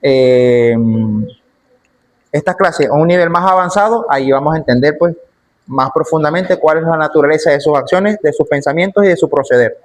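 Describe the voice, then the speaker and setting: High-voiced man teaching a Bible class. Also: normal speed. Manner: emphatic, repeats key phrases.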